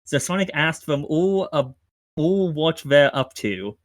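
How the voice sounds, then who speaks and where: A man's voice: a little high, expressive, no echo. Dry-sounding man reading fanfic aloud. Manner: narrates haltingly, breaks into laughter. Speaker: podcast host.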